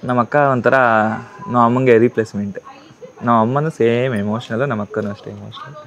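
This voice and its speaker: A man's voice: mid-range voice, fairly even intonation, fairly quick. A young man, chatting casually and teasingly in a vlog and mixing in English words. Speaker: vlogger.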